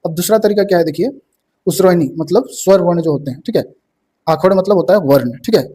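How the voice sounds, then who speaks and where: A man's voice: sits high, a little fast, dark tone, slight background noise. A young man from teaching an exam-prep lesson, explaining each term and saying "ठीक है" again and again.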